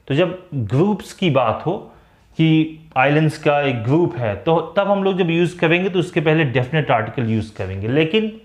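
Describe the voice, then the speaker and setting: A man with a Hindi accent teaching English grammar in a classroom-style lecture, mixing Hindi and English and slowing down to spell out the English example phrases. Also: a little high. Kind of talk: classroom lecture for exam students. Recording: echoey room.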